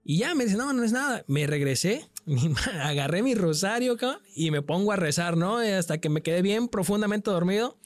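A man's voice: high voice, normal speed, few pauses, dry recording, faint music behind. A man with a Mexican accent telling a personal paranormal story in casual, slang-filled conversation. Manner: frequent slang and swearing, animated retelling. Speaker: guest telling a paranormal experience.

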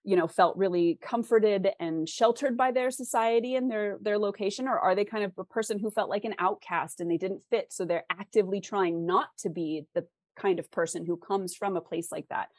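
A woman with a West Coast American accent speaks as a guest author in an interview, explaining her ideas thoughtfully and articulately and often posing questions along the way. Her mid-range voice is a little mellow, at normal speed with few pauses, and there's no echo.

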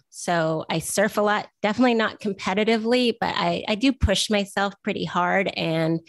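Low-pitched woman, gravelly, easygoing self-deprecating storyteller in an interview. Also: dry recording. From Vancouver, Canada. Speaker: guest. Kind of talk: casual interview conversation.

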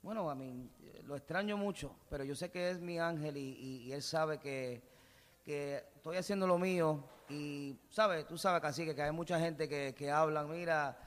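Brief: man, somewhat high voice, halting and earnest, reverberant studio. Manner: halting, many fillers, earnest. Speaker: guest singer. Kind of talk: casual radio interview.

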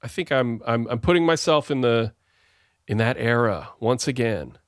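A man's voice: mid-range voice, moderate pace, no room sound, clean studio sound. A man hosting a show over a video call, talking in a rambling, playful way and often correcting himself. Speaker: podcast host. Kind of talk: casual songwriting chat.

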